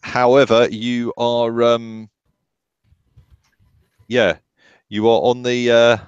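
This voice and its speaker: Male game master, slow and halting delivery, dry close recording. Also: mid-range voice, flat delivery, smooth, dry recording, lo-fi sound. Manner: halting, full of ums and restarts. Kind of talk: narrating a tabletop horror game.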